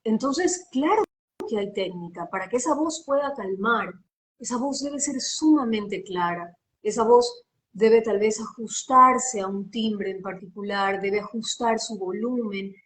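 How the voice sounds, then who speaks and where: A woman from Ecuador with a Guayaquil accent, a voice and diction coach explaining in an animated, teacherly way during a live interview. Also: mid-range voice, a little slow, slight background noise. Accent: Guayaquil Spanish. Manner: animated, expressive, teacherly, asks rhetorical questions.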